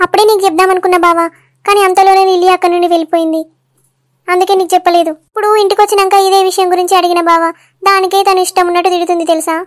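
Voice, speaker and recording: A woman voicing a young wife in a cartoon, sharp and easily hurt, with a sulky manner. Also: little pitch movement. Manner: chipmunk-high cartoon voice, rapid and sulky.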